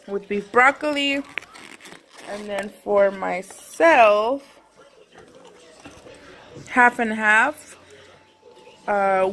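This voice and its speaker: A woman's voice: on the high side, a bit bright, a little hiss or hum. A woman vlogger talking casually to her viewers while eating. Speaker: vlogger and mother.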